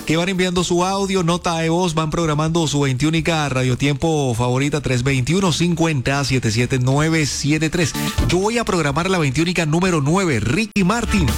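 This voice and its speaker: A man hosting a radio countdown show, chatty and upbeat, talking straight to his listeners. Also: a little high. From Colombia. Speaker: radio host. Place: radio studio. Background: music.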